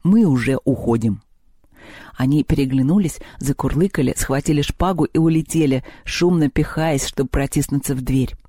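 A man narrating a children's story as an audiobook with lively, expressive storytelling. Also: fairly high pitch, a little fast, hardly any pauses, breathy edge, dry recording, studio quality.

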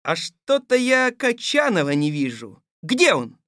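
An actor playing a stern but sensible fairy-tale tsar who speaks in a gruff, commanding way. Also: male voice, high-pitched, huge pitch swings, a little slow, fairly bright tone, no room sound, clean studio sound, full character voice. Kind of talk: audio fairy-tale drama.

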